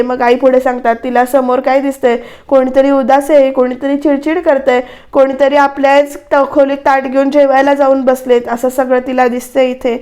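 A woman's voice: sits high, a little mellow. A woman giving a voice-over recap of a TV serial episode, retelling scenes and quoting the characters' lines in a conversational way. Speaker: TV serial reviewer.

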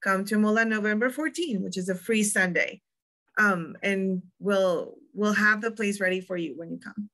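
A young Puerto Rican woman with a Puerto Rican Spanish accent presents a virtual museum tour, chatty and full of ums and restarts. Her voice is medium-pitched and fairly bright, at a normal speed.

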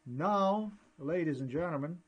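Husky man narrating a screen recording. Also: a little high, unhurried, highs cut off. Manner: excited, rambling, narrates each click. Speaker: vlogger.

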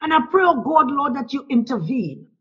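Expressive and a little fast, a woman with a high, fairly bright voice leads a fervent spoken prayer, pleading and calling on God and the Lord again between phrases. The recording sounds dull and lo-fi.

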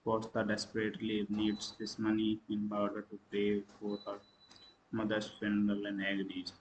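Monotone man reading a film recap. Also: lowish voice, slight background noise, poor audio. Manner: halting reading with slips and restarts; clears throat and coughs between lines. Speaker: movie review channel host. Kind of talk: read-aloud film summary.

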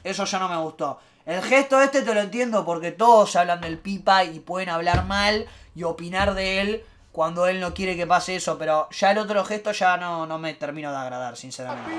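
A man's voice: high-pitched, normal speed, hardly any pauses, a little hiss or hum. A young man with a Rioplatense accent, streaming a live reaction to a football match, swearing and swinging between outbursts and mutters. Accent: Rioplatense Spanish. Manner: excitable, swearing, shifts from loud outbursts to mutters.

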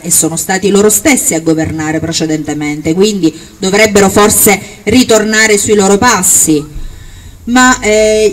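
Female rally speaker, mid-pitched, projected emphatic delivery, recorded outdoors at some distance. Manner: emphatic oratory, projected, with deliberate listing phrases. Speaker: political candidate or activist at a rally. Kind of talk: public campaign speech. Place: outdoor town square. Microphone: handheld-type microphone on a stand, amplified. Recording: distant outdoor capture, faint background noise.

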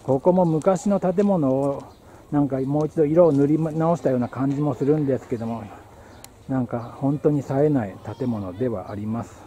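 A man's voice: medium pitch, moderate pace, dark tone, low-quality recording. A man narrating a casual travel vlog, musing aloud as he walks around a small rural train station. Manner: muses aloud, thinking as he goes. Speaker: travel vlogger. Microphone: handheld camera mic. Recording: outdoor ambience with birds and traffic.

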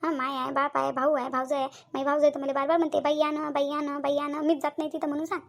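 Cartoon mother, middle-aged and aggrieved, voiced by a woman, rattling off quick gravelly laments. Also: high-pitched, flat delivery. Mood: self-pitying. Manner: whiny, rapid lamenting. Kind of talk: cartoon voice acting.

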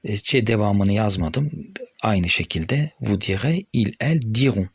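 A man's voice: on the low side, expressive, slightly rough, dry recording, studio quality. A man with a Turkish accent teaching French grammar, patiently reading out verb forms and explaining each one. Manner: patient, addresses viewers as friends, reads conjugations slowly.

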